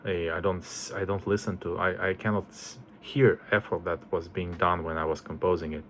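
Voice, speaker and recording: A man's voice: deep voice, little pitch movement, a little fast, slight background noise. A man in his forties from Estonia, introducing himself as a composer in a casual, hesitant way with many fillers. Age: 40s.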